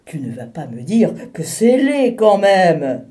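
A woman's voice: fairly low pitch, sing-song, slow, warm tone. A woman voicing a stubborn polar bear in a storybook reading, speaking earnestly and insistently.

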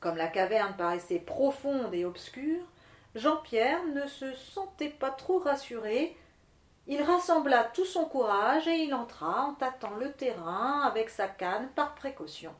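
A woman narrating a fairy tale in steady, expressive storybook reading. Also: sits high, a little slow, reverberant.

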